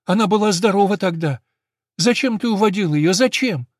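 A man's voice: on the high side, expressive, a little slow, husky, no echo, clean studio sound, pitched above the performer's own voice. A man voicing a sullen young boy in a storybook, speaking insistently and accusingly. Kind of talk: storybook reading.

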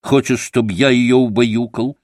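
A man's voice: medium pitch, steady tone, measured pace, darkish tone, no room sound, clean studio sound, natural voice. A man voicing a feverish, scornful young man. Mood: bitter. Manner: curt and sardonic.

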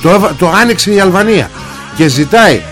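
A man's voice: high voice, animated, a bit bright, faint music behind. A male talk show host giving satirical political commentary, sarcastic and blunt, with crude jabs.

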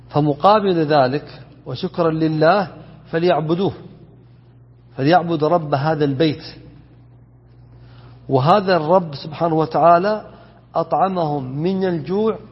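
A husky man teaches a lesson on Quran commentary. He explains step by step, asks his students questions and corrects himself mid-word. His voice rings through a large hall on a dull, lo-fi recording. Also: a little high. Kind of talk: classroom tafsir lesson. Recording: dull lo-fi sound with long hall reverb.

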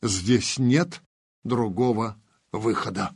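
Audiobook: male reader doing soft-spoken woman doctor, composed, dry close sound. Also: fairly low pitch, slow pace, creaky, husky, no echo, full character voice. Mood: dismayed.

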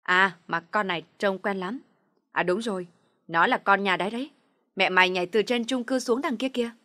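A woman's voice: mid-range voice, brisk, sharp tone, no echo, studio quality, lightly acted. A woman voicing a rude gossiping neighbor woman who mocks someone in a spoken story. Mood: sneering. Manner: mocking, sneering.

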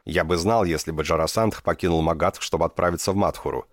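A man voicing a proud, commanding prince who speaks in a measured, authoritative way. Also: low-pitched, no room sound, studio quality.

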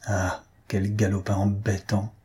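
A man's voice: medium pitch, animated, dark tone, husky. A man voicing a pompous, irritable old painter who blusters and flares up, in a comic audiobook. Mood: grumbling. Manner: blustering, quick to anger. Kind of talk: audiobook reading of a comic story.

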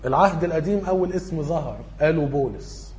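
A man's voice: on the high side, quick pace, darkish tone, a little hiss or hum. A man with an Egyptian Arabic accent giving an informal lecture, working through study questions and thinking aloud as he corrects himself.

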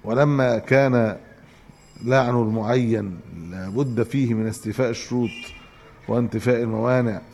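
A man with an Egyptian Arabic accent giving a religious lesson, reading a text aloud and explaining it in a measured way. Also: mid-range voice, steady tone, darkish tone, long reverb tail. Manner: measured, explanatory, restarts to correct himself. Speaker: Islamic scholar teaching hadith.

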